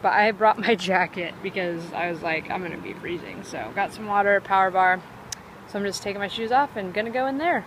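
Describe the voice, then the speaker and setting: Casual woman vlogger, mid-pitched, chatty and excitable, heavy on fillers, recorded outdoors on a handheld phone with faint background noise. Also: fairly quick. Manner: excitable and upbeat. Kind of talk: casual vlog chat. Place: outdoors by a river.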